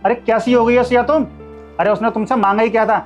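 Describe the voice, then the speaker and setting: A man's voice: very high-pitched, fairly even intonation, quick pace, highs cut off, faint music behind. A man playing a husband who lectures his wife about treating a guard with respect. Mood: stern. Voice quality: lecturing, moralising. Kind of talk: amateur short-film acting.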